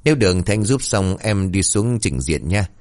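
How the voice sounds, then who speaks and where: A crude, cocky young ghost hunter voiced by a man bosses people around with mocking swagger. His voice sits deep. It swings widely as he scolds and teases. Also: sing-song, normal speed, darkish tone. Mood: coaxing.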